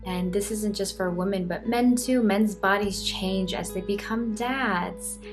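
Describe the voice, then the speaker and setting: A woman's voice: mid-range voice, measured pace, music in the background. A woman in her twenties talking earnestly and reflectively in a personal vlog monologue. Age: 20s. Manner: earnest, soft-spoken, reflective. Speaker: vlogger.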